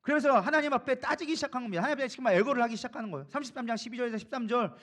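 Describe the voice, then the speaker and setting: A man's voice: very high voice, racing, a bit bright. A male pastor preaching a sermon, acting out biblical figures in casual everyday speech. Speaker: co-lead pastor.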